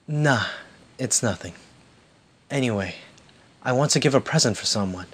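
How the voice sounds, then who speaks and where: A man voicing a shy, awkward teenage boy who speaks hesitantly, with pauses, in a fan audio drama. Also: medium pitch, animated, a bit bright, slightly rough. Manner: hesitant, halting.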